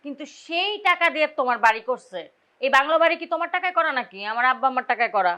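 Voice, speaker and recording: An actress playing a sharp, defiant daughter defending her parents in a TV comedy drama. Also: high voice, expressive, very fast. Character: sharp defensive young wife. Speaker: daughter and wife.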